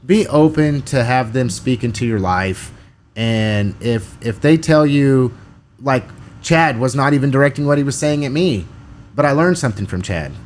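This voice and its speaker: A man's voice: medium pitch, a little hiss or hum. A man co-hosting a local podcast in casual chat, sarcastic and self-mocking, laughing often and tripping over repeated words. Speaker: podcast co-host.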